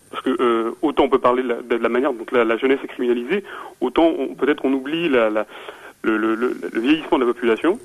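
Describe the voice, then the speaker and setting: A male radio-show caller speaks over a phone line, his voice sitting in an ordinary middle pitch. He talks in a halting way, full of restarts and repeated words. He lays out earnest, intellectual questions for the guests. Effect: caller heard over a phone line on a radio show. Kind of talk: calling in to a radio debate.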